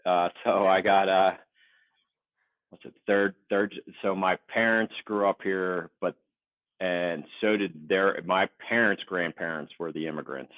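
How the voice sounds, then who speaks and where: A man in his forties from the Philadelphia suburbs, chatting casually as an interview guest in a relaxed, rambling, self-deprecating way over a remote call. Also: sits low, a little slow, no room sound. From Philadelphia suburbs, USA. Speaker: guest, Navy veteran. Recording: tinny phone-like dry line.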